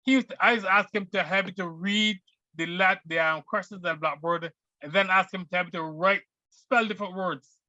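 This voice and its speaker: A middle-aged man from Barbados answering interview questions in a hesitant, halting way with many restarts. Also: high voice, steady tone, sharp tone, no room sound. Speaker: guest. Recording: dull lo-fi sound.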